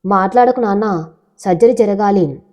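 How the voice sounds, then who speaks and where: A woman's voice: mid-range voice, moderate pace, a little mellow, natural voice. A woman voicing a proud young male corporate CEO in a storybook, commanding and curt. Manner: commanding, demanding.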